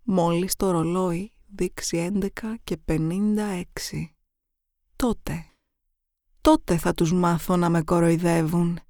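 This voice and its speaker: A woman's voice: lowish voice, fairly even intonation, mellow, no room sound, studio quality, lightly acted. A woman narrator voicing a bullied teenage boy who mutters menacing threats to himself in a horror story reading. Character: bullied teenage schoolboy quietly plotting revenge.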